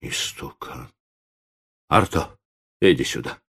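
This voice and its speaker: A man doing a quiet, dignified old organ-grinder. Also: very deep voice, creaky, husky, exaggerated voice. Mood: gloomy. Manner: quiet, halting, humble but firm. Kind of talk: audiobook narration.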